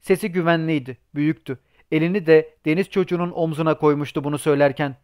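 A man's voice: a little high, steady tone, fast, darkish tone, smooth. A man reading a novel aloud as an audiobook narrator, voicing the characters' lines as well. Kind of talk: scripted narration.

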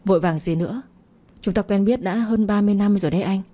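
A woman's voice: mid-range voice, fast talker, warm tone, close to an everyday voice. A woman reading the part of a frank young woman who keeps refusing a suitor, in a storybook reading. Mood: reluctant. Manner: frank, reluctant.

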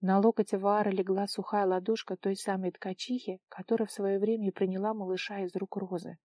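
A woman narrating an audiobook with expressive, dramatic delivery. Her voice is mellow and warm, and the recording is close and dry with no room sound. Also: medium pitch, brisk, no echo. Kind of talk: audiobook reading.

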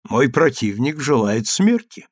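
A man's voice: medium pitch, sing-song, a little slow, no room sound, clean studio sound. A man voicing an arrogant, scornful male duelist who talks in a sneering, contemptuous way.

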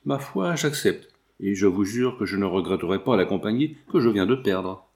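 A man's voice: lowish voice, expressive, normal speed, darkish tone. A man voicing a talkative, jovial young male hospital intern in a French audiobook. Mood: genial.

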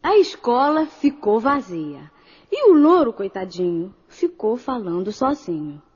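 A woman narrating a children's story in a scripted, expressive way, speaking directly to the young listener. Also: on the high side, measured pace, a little hiss or hum. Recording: dull lo-fi audio.

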